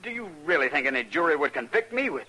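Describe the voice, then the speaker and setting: A defensive, wary gunfighter. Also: male voice, a little high, big pitch swings, quick pace, sharp tone, poor audio. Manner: pleading, persuasive. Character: smooth-talking male gunfighter, defensive and wary. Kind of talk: 1950s radio drama acting.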